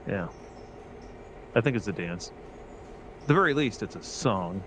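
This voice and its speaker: A man's voice: on the low side, lively intonation, measured pace, background noise. A man playing a train game with friends, chatting casually in a playful, teasing way and offering bits of trivia. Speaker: fellow player. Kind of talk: casual gameplay chat.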